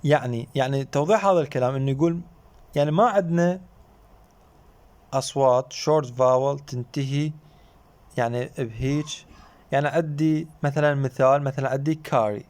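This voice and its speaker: A man's voice: medium pitch, fairly quick, pauses often, darkish tone. A man with an Iraqi Arabic accent giving a recorded university phonetics lecture, often repeating himself, asking rhetorical questions and mixing in English terms. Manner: repetitive, checks in with rhetorical questions; mixes English terms into explanation.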